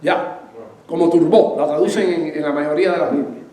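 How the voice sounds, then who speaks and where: A man preaching a sermon as pastor, asking his congregation questions and answering them himself, with lively bursts and laughs. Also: a little high, moderate pace, echoey room.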